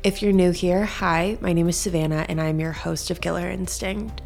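A woman with a slightly low voice works as a true crime narrator on a podcast. She speaks conversationally and addresses her listeners directly, casual in tone while she lays out the story as the host. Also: steady tone, moderate pace, vocal fry, a little mellow.

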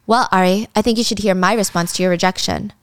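A woman's voice: medium pitch, steady tone, quick pace, smooth, no echo, natural voice. A woman voicing a haughty young man who answers coldly and cuttingly, in a drama recap. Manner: cold, cutting. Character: cold haughty young man, rejected suitor.

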